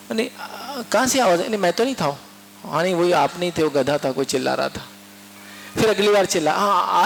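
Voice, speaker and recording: A man from India delivering a lively sermon, often asking his listeners questions and acting out little dialogues. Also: a little high. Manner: lively, asks the audience questions and mimics dialogues. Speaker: preacher. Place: mosque hall. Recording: mosque hall with long echo and faint hum.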